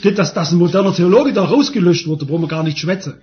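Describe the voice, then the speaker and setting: A man's voice: high voice, fast talker. A man preaching a sermon, emphatic and repeating phrases for stress. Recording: dull lo-fi sermon recording.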